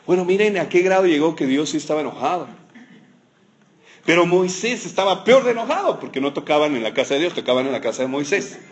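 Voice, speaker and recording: Male preacher, sermon, playful teasing asides, high voice. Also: very animated, fast, slight background noise.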